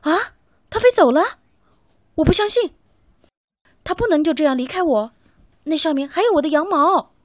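A woman's voice: high-pitched, moderate pace, dry recording, voice pushed up. A woman voicing an eager young sheep. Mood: excited. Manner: excited, calling out. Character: eager young male sheep, dreamy and proud. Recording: dry, slightly dull recording.

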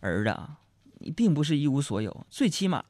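A woman's voice: sits low, sing-song, brisk, darkish tone, no echo, clean studio sound, pitched above the performer's own voice. A man voicing a blunt, teasing middle-aged mother who switches from mock-sweet to cutting.

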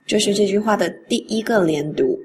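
In a relaxed spoken lesson, a woman teaches English pronunciation, reading phrases slowly before explaining them in Mandarin. Her voice is medium-pitched, with soft music playing in the background.

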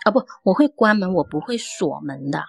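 Husky woman from recounting a ghost encounter. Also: fairly low pitch, expressive, no room sound. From Guangdong, China. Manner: earnest, halting storytelling. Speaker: caller sharing a story. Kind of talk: first-person ghost story telling.

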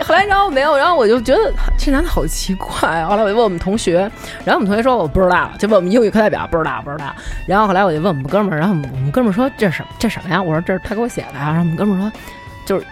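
A woman, co-hosting a comedy talk show, telling stories in a chatty, animated way and laughing as she goes. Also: medium pitch. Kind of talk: casual comedic storytelling.

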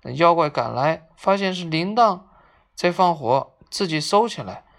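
A storyteller giving a lively, expressive reading of a classic tale for children. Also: mid-range voice, unhurried, creaky.

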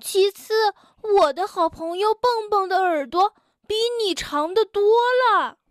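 A woman voicing Tiaotiao, a timid young male animal who talks in a nervous, hushed, hesitant way. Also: very high voice, slow, no room sound, studio quality, pitched above the performer's own voice. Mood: nervous whisper.

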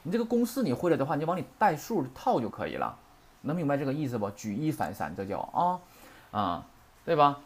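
A man's voice: on the high side, huge pitch swings, fast. A man teaching a Japanese grammar lesson, colloquial and full of rhetorical questions to his students.

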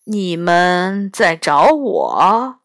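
Storybook elder: woman doing a slow, boastful, stingy old man, lower and drawn out. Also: wildly swooping pitch, dry recording, studio quality, exaggerated voice. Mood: proud.

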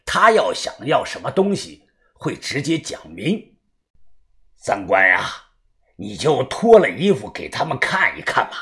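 A man voicing an old male elder who calmly tries to calm a fight, speaking slowly and low. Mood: placating. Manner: slow, soothing, elderly.

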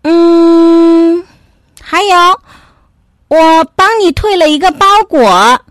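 A cheeky little puppy brother, impatient and whiny, squeaking high above the storyteller's usual voice, as a woman puts him on. Each word is clipped and snappy, in a dry, close storybook reading. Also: extremely slow, no echo, full character voice. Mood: carefree.

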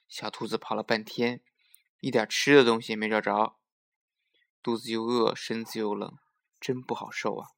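A man narrating a children's story in an expressive, lively way. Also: mid-range voice.

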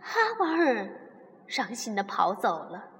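A woman hosting a bedtime story show and reading a children's story aloud, warm and expressive. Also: medium pitch, unhurried, a little hiss or hum. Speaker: storyteller host. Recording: long reverb.

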